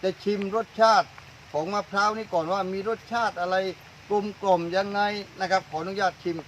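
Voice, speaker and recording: A man's voice: sits high, steady tone, brisk, a bit bright, a little hiss or hum, low-quality recording. A man interviewing a farmer for a promotional video, eager and repeating the answers back, outdoors in a coconut orchard in the rain. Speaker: interviewer, fertilizer brand owner.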